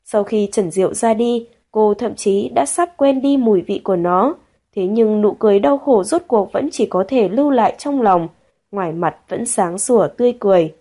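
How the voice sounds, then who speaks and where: A woman narrating a romance novel as an audiobook, in a steady, measured storytelling manner. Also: medium pitch.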